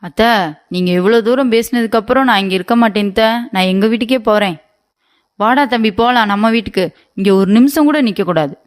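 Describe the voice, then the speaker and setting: A woman voicing a demanding young wife in an animated story, complaining and pleading with her husband. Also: fairly high pitch, brisk, natural voice. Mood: aggrieved.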